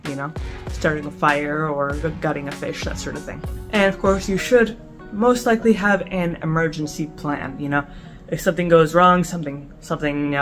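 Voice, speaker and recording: A young woman in her twenties giving casual camping advice to the camera at home, chatty, with lots of fillers and restarts. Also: low-pitched. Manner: chatty, gestures a lot, many fillers and restarts. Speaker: camping vlogger. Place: small indoor room at home.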